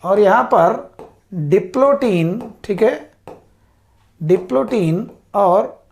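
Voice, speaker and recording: A woman's voice: medium pitch, animated, darkish tone. A woman teacher explaining biology terms to students, repeating key words and checking in after each point. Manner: repeats "ठीक है" to check understanding, drills terms slowly; addresses students as "साथियों". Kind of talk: whiteboard lecture.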